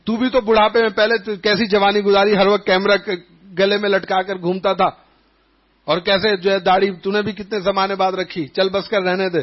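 A man with a notably high voice delivers an Islamic sermon, spinning lively anecdotes and slipping into the voices of the people in his stories. The recording is dull and lo-fi. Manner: animated storytelling, acting out quoted voices. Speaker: preacher.

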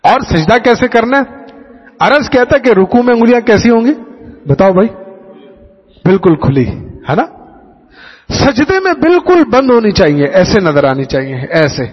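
A man's voice: high-pitched, big pitch swings, long pauses, breathy edge. A man, a religious teacher, who shows students how to pray, addresses them directly and drills the key points over and over. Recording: dull lo-fi sound with long hall reverb.

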